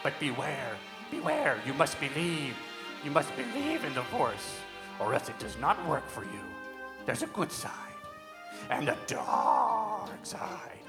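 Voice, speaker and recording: A woman voicing a tiny ancient alien sage in a live church comedy skit, speaking in inverted word order with drawn-out yeses. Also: sits low, sing-song, gravelly, over music, pitched below the performer's own voice, full character voice. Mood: solemn.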